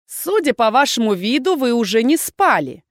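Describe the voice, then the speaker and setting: A woman's voice: on the high side, big pitch swings, moderate pace, dry recording, studio quality, voice pushed up. A woman reading a stern, suspicious male dean who interrogates sharply and snaps commands, as an audiobook character voice. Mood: interrogating.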